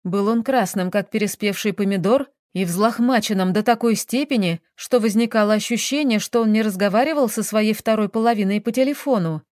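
A woman narrates an audiobook in a measured, even way. Her voice sits at a middle pitch. The recording is dry and close, with no room sound. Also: no echo. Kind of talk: scripted narration.

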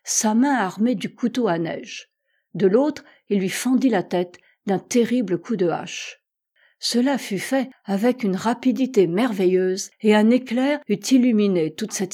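A woman narrating a classic adventure novel in a measured, expressive storytelling voice. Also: mid-range voice. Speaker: audiobook reader. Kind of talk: scripted narration.

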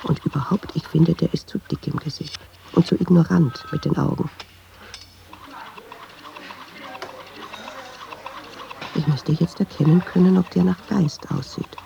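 An actress voices a watchful, nervous woman narrating her inner thoughts in an intimate radio drama monologue, musing hesitantly and slipping into half-whispers. Her voice is deep, mellow and brisk, with vocal fry and fairly even intonation. The sound is lo-fi with slight background noise, and the mood is musing and watchful.

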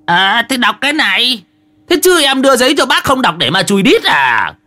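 A man's voice: medium pitch, huge pitch swings, moderate pace, a bit bright, voice pushed up. A man voicing a cocky, flashy older village man who talks brashly. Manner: brash and mocking.

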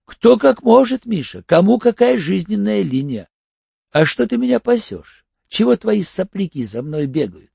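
A man voicing Fomin, a sly, wary older male crook who haggles in a cagey, hoarse voice, in an audiobook. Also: sits high, big pitch swings, normal speed, darkish tone, no echo, muffled recording, voice pushed up, heavily acted. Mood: cagey, bargaining.

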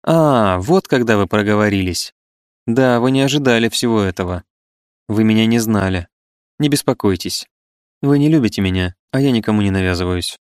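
A man's voice: fairly low pitch, animated, moderate pace, smooth, no room sound, studio quality, close to an everyday voice. A man voicing a proud, wounded eighteen-year-old woman who speaks with impassioned reproach. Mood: reproachful. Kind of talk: audiobook character reading.

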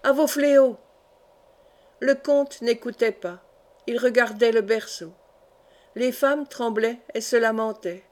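A woman reading an audiobook of a historical novel in an even, measured way. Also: fairly high pitch. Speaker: audiobook reader.

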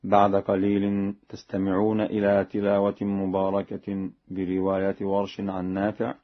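A man teaching Quran recitation variants in a measured, formal way, breaking into melodic chanting for each example, on a dull lo-fi radio broadcast. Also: on the low side.

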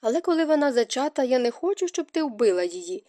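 Brief: woman narrator doing a worried, scolding young nobleman husband; mellow tone, dry close read. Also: high-pitched, big pitch swings, fast talker, no room sound, pitched above the performer's own voice. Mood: agitated. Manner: urgent, insistent, scolding.

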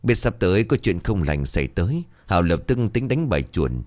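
Casting: male narrator for a ghost story, very deep voice, lively swinging delivery. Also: a little fast.

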